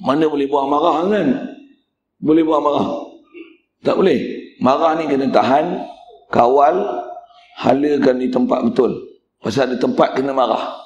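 A man's voice: mid-range voice, moderate pace, pauses often, a little mellow, dull audio, a little hiss or hum. Blunt preacher man in echoey hall. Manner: blunt and teasing, addresses the congregation directly. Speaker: religious teacher. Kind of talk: mosque lecture.

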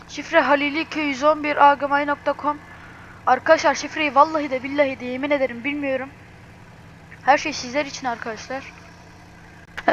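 A young woman hosting a car game video, talking in a hurried, distraught way and swearing oaths as she goes. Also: high voice, fairly bright tone, lo-fi sound, a little hiss or hum. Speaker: mobile car game channel host. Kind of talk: gaming screen-recording vlog.

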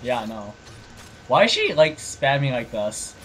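A man's voice: mid-range voice, very animated, unhurried, slight background noise. A young man chatting casually while playing a game, laughing often and swearing now and then. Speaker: gamer playing and commentating. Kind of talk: casual gaming chat.

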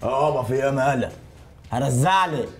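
A man with an Egyptian accent, posing as a hairdresser for a hidden-camera prank in a salon and calmly provoking his customer with deadpan insults. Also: medium pitch, moderate pace. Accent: Egyptian Arabic. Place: hair salon.

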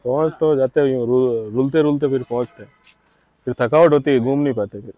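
A man's voice: mid-range voice, fairly quick, warm tone, no room sound, muffled recording. Chatty man vlogging outdoors. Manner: chatty, cheerful, laughs often. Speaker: travel vlogger. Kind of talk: casual travel vlog. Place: outdoors by a hill road.

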